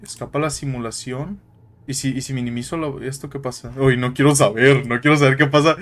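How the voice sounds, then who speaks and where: A man's voice: medium pitch, fairly quick. Jittery gamer guy. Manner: jittery and excitable, mixing in English slang. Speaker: gaming YouTuber. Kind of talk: let's play commentary.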